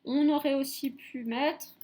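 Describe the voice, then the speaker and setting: A woman teacher giving a phonics lesson to young children, dictating syllables slowly and repeating each one clearly. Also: sits high, steady tone, dark tone.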